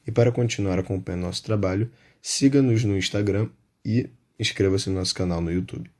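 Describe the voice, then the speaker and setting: Low-voiced Brazilian man teaching grammar. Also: a little mellow. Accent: Brazilian Portuguese. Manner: measured, spells out examples slowly. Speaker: English teacher. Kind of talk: explanatory lesson.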